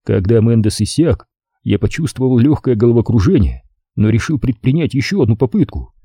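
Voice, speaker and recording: A man narrating a first-person audiobook in a wry, measured storytelling manner on a close studio mic. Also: mid-range voice, sing-song, dark tone, slightly rough, no room sound.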